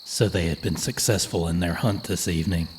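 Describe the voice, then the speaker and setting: A man reading a folklore horror story as a slow, measured, solemn scripted narration. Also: low voice, a little hiss or hum. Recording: music playing under the voice.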